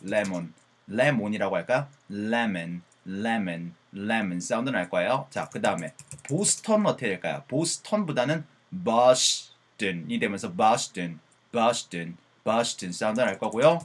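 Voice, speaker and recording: A man who teaches English pronunciation in an online lesson. He asks questions and answers them himself, and he drills words slowly, repeating each one. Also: lowish voice, very animated, breathy edge.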